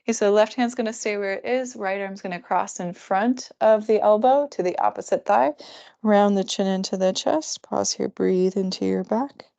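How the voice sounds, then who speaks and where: A woman teaching a restorative yoga class, calmly counting breaths and giving relaxed, chatty cues. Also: medium pitch, moderate pace, gravelly.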